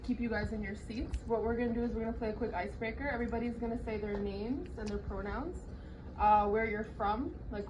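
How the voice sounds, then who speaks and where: A woman's voice: a little high, muffled recording. Chatty young woman running a workshop. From Canada. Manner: relaxed, chatty. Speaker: workshop host. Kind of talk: casual group workshop talk. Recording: distant mic with loud noise.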